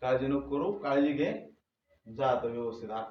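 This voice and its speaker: A man's voice: medium pitch, normal speed, natural voice. A man playing a kind local boss who consoles a grieving girl and promises to help her, in an amateur short film. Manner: soothing, repeats words, fatherly. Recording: very echoey room, far dull mic.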